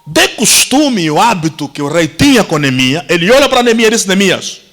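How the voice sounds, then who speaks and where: Pastor, male, bright high voice with wide swings, theatrical sermon storytelling. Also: sing-song, normal speed, low-quality recording. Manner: theatrical, acts out the story's voices, shouts at climaxes. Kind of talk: dramatic Pentecostal sermon storytelling.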